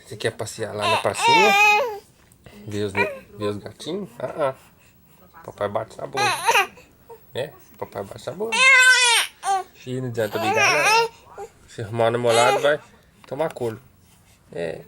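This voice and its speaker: A man's voice: medium pitch, huge pitch swings, normal speed, gravelly, long pauses. A man, chatting playfully with his baby in a home video, teasing her in baby talk. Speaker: father talking to his baby. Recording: home video with loud background noise.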